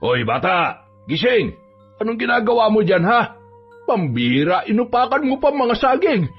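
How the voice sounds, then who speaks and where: A gruff, hot-tempered market porter who barks and scolds in a raised, husky voice, as a narrator puts him on. He comes across as a storybook figure. The sound is dull and lo-fi, with music underneath. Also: high voice, sing-song, normal speed, voice pushed up, heavily acted. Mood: angry. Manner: shouting, scolding.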